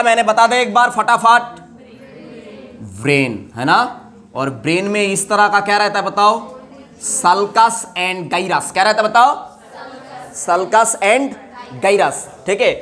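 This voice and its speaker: A man with a high, slightly bright voice teaches biology in a chalk-and-talk lesson built on call-and-response. He quizzes students and answers his own questions, stretching out key terms for emphasis and spelling them out letter by letter.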